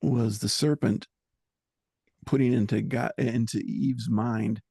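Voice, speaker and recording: A man being interviewed as a musician, talking in an earnest, halting way and searching for words. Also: mid-range voice, fairly even intonation, gravelly, warm tone, slightly rough, no room sound, studio quality. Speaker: musician guest. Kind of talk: reflective interview talk.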